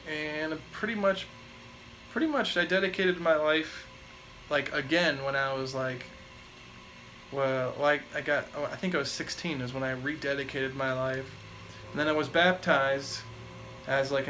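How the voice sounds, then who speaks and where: A man's voice: on the high side, a little hiss or hum, poor audio. A man in his twenties, chatting casually and rambling through live viewer questions with lots of fillers. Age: 20s. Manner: rambling, filler-heavy, relaxed. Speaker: vlogger answering live chat.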